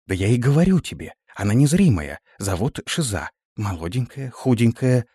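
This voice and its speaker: A soft-spoken, naive young woman, put on by a male reader, confiding in a meek, gentle tone. Her lines come in a dry, close storybook reading. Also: mid-range voice, sing-song, moderate pace, husky, dry recording.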